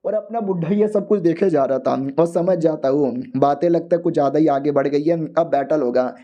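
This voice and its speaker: A man's voice: on the high side, warm tone, highs cut off. A young man casually retelling a manga story in slangy speech, acting out the characters' lines as he goes. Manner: acts out all characters' lines in quick slangy dialogue. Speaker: manga recap narrator.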